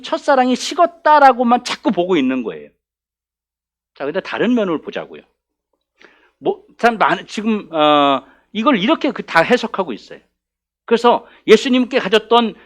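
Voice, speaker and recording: A man's voice: sits high, fairly bright tone. A male pastor giving a conversational afternoon Bible study sermon in church, often putting questions to the congregation.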